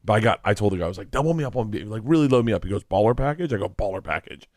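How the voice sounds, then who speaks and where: A man's voice: on the low side, expressive, racing, a little mellow, no echo, clean studio sound. A young adult man co-hosting a podcast, telling rambling stories in casual chat, swearing and acting out what people said. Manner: rambling storyteller, swears, acts out quotes. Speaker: podcast co-host.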